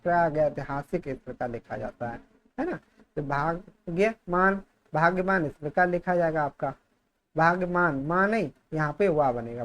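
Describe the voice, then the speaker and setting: Dictating his explanation, a male teacher says every word more than once during a grammar lesson meant for exam prep. His voice is high and a bit bright.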